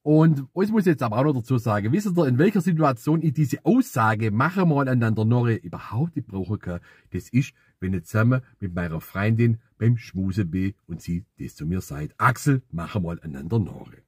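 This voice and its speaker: A man with a Swabian accent giving a casual, humorous dialect lesson, speaking in a playful, expressive, chatty manner. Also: mid-range voice, normal speed, breathy edge, no room sound, studio quality. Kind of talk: casual comedic explainer to camera.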